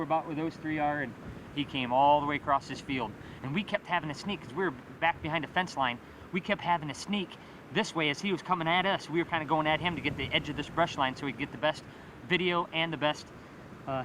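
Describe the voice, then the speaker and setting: A man, a turkey hunter, excitedly retelling his hunt outdoors by a field, rambling with restarts. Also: on the high side, poor audio. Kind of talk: telling a hunt story on camera.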